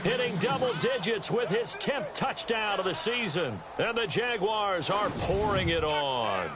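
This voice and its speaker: A man voicing a football play-by-play announcer in a video game, calling plays briskly and rising on big moments. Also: high-pitched, animated. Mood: steady. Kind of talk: scripted sports commentary. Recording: game audio under loud noise.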